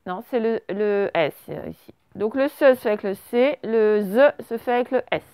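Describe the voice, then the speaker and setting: A woman teacher leads a dictation lesson, her voice high and clear, with a close, dry sound. She spells each word out letter by letter, asks her pupils for the answers and confirms them. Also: normal speed, dark tone, dry recording. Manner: patient, spells out words letter by letter. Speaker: primary school teacher.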